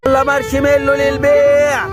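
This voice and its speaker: A quick-talking Egyptian man hawking marshmallows in an easygoing, patient way. Loud music plays over the outdoor scene. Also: very high voice, completely flat delivery. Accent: Egyptian Arabic. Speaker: street marshmallow seller.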